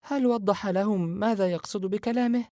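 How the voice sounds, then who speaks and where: A man's voice: high voice, fairly quick, warm tone, dry recording, studio quality, pitched above the performer's own voice. A man reading an audiobook, voicing a tense young woman who asks urgent questions in a raised voice. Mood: anxious, pleading.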